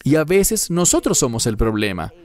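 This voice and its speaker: A mid-range, darkish male voice, lightly acted and sing-song, dubs an earnest Bible teacher in his fifties. The sermon moves verse by verse, each point phrased emphatically and deliberately.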